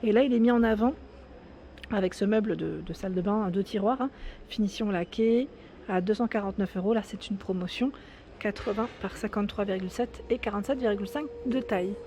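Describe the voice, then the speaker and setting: With a medium-pitched, dark voice and a brisk pace, a shopping vlogger with a French accent strolls through a large indoor home improvement store. She chats enthusiastically and casually, reading out prices and sizes, while a little hiss or hum runs under the recording.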